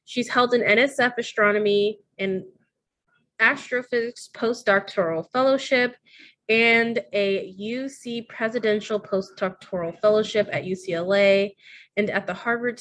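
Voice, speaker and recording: A woman host reads a speaker's introduction steadily at a middle pitch. Faint noise sits behind her voice. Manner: steady reading, turning bright and eager at the close. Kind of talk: read-out introduction.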